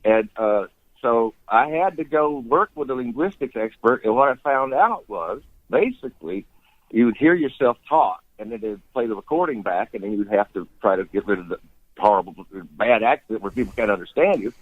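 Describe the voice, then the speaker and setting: A man's voice: medium pitch, lively intonation, normal speed, dry recording, narrow, tinny audio. Chuckling Southern older man telling stories. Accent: Southern American. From Eastern Tennessee. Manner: rambling, folksy, chuckling, stammers on restarts. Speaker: guest sportscaster. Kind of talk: storytelling interview.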